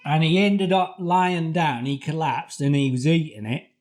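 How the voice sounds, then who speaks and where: A middle-aged British man telling a personal story casually, in a halting, repetitive, colloquial way. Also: fairly high pitch, darkish tone. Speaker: vlogger.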